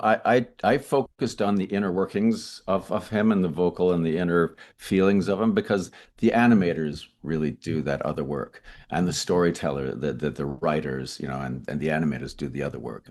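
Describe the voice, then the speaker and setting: A man, a voice actor being interviewed, telling lively anecdotes with frequent stammered restarts. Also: rumbling low. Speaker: voice actor guest. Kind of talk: interview storytelling.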